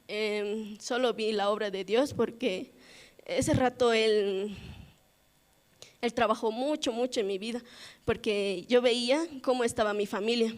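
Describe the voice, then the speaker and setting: A young woman gives a personal testimony at a church service, telling her story casually and acting out the dialogue she quotes. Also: a little high. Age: 20s. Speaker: church member giving testimony.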